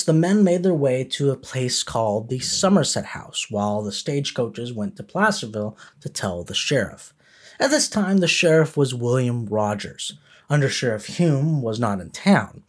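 Animated male history storyteller. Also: mid-range voice, slightly rough. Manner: animated storyteller, occasional filler words. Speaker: podcast host.

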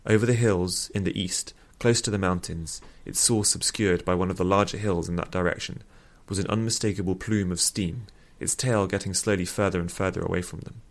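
A man reads a fantasy story aloud as its narrator. His voice is very low and gravelly. He keeps a steady storytelling pace. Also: brisk, few pauses. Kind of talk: fiction read-aloud narration.

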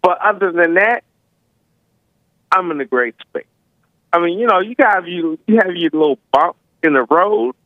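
A man's voice: sits high, expressive, normal speed, pauses often, dry recording. Slurring man on a narrow phone line. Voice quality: slightly slurred articulation with slushy s sounds. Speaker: caller to a talk show. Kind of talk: casual phone-in talk.

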